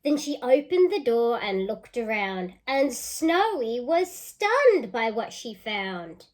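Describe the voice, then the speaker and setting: With a fairly high-pitched voice, a woman teacher reads a picture book to children. She's expressive and breaks off to ask the listeners questions.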